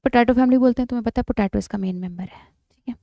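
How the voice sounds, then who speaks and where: A woman's voice: a little high, rapid-fire, warm tone, no echo, clean studio sound. A woman teaching an exam revision lesson in biology, emphatic and coaxing, often calling her students "beta".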